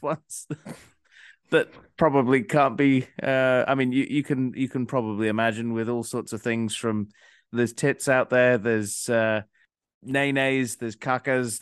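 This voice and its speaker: A man co-hosting a casual podcast who rambles through his points with fillers and frequent laughs. His voice sits at a middle pitch, recorded dry and close with no room sound. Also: steady tone, measured pace, smooth, no room sound. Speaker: podcast co-host. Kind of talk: casual chat.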